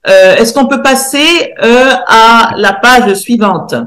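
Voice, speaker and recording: A woman researcher giving a lecture presentation, pausing often to search for words and spelling out sounds slowly and carefully. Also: a little high, fairly bright tone, echoey room. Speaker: researcher and theologian presenting a decoding.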